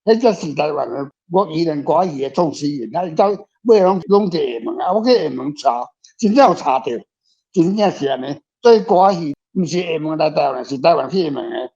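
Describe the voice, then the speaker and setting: Here a Taiwanese-accented man talks briskly in a fairly high, expressive, mellow voice. Speaking as a panel's guest author, he answers in a casual, rambling way with repeated words, and the sound quality is dull and lo-fi.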